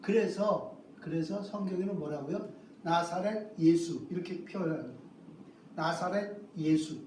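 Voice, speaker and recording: A man delivers a sermon in a church sanctuary, his fairly high voice leaning on key words and drawing them out. He keeps posing rhetorical questions to the congregation and answering them himself. The mic sits some distance away, so the voice comes through roomy with a faint hum of ambience behind it. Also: a little slow, darkish tone. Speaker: pastor.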